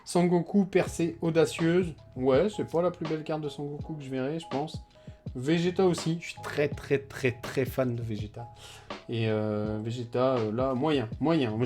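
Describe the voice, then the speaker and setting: A man's voice: medium pitch, warm tone. A man giving casual, chatty commentary as he opens card packs, often hesitating and trailing off. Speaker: card collector opening packs.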